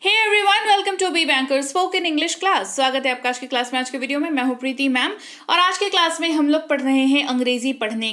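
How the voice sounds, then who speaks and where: A young woman runs an English pronunciation lesson in a high, clear voice. She spells each word out letter by letter, then quizzes her class and answers the question herself. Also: a bit bright. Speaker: English teacher.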